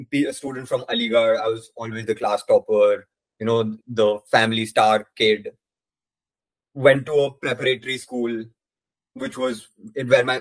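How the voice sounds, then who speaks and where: A man's voice: mid-range voice, rough recording. A young man from India with an educated Indian accent, giving articulate, explanatory answers as a podcast guest in a polished, conversational way. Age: young adult.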